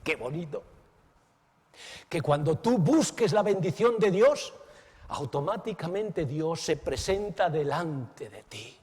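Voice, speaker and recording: A man preaching a sermon as pastor. He is dramatic, swings between exclamations and hushed asides, and keeps asking the listeners questions. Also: on the high side, expressive, slow, slightly rough, in a large hall. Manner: asks the listeners direct questions.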